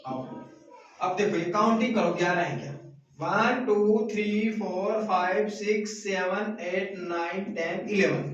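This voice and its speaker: A male teacher giving a slow classroom lecture, repeating questions to his students and answering them himself. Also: high-pitched, a little hiss or hum. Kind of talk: classroom lecture on Hindi grammar. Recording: distant, echoey, muffled room recording.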